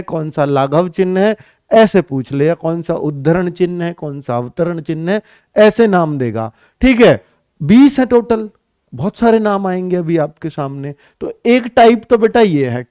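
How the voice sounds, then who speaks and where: Patient, slow-speaking Indian-language teacher, man. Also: high-pitched, a little mellow, clear, resonant tone, no echo, studio quality. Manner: patient, repeats phrases slowly for emphasis; addresses students as children. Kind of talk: classroom grammar lesson.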